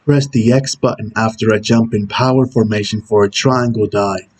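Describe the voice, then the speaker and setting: A man voicing a stern, brooding video game antihero who gives terse tutorial instructions in a husky voice. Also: fairly low pitch, steady tone, moderate pace. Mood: stern, instructional. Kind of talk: character impression reading game tutorial instructions.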